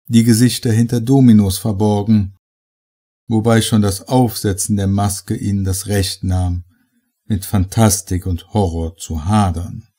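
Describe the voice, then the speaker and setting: A man reading a horror story aloud as narrator, slow and measured. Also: on the low side, warm tone, husky. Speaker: audiobook reader.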